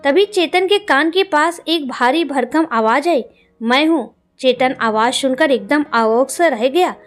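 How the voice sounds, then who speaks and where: A woman's voice: sits high, measured pace, faint music behind. A woman reading out a story in a dramatic, suspenseful way. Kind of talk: scripted story narration.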